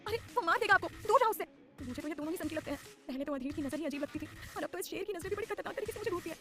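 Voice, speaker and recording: A woman's voice: high voice, rapid-fire, over music, pitched above the performer's own voice, lightly acted. A woman voicing a frightened young woman who pleads and trembles, in a dramatized audio story. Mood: nervous grumbling. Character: frightened young woman held by a mafia boss.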